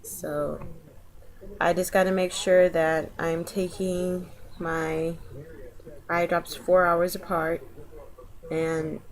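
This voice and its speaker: Lowish-voiced woman just chatting to her vlog, chill, kinda trails off. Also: little pitch movement, takes it slowly, pauses often. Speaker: vlogger. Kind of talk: casual vlog monologue recounting an experience.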